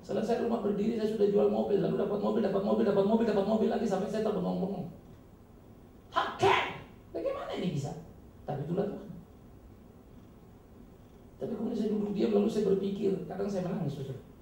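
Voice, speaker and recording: A male pastor giving an emphatic, dramatic sermon with sudden loud, high bursts, recorded from a distance in a church hall. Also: animated, fast talker, gravelly, long pauses. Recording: echoey hall, distant mic, faint noise.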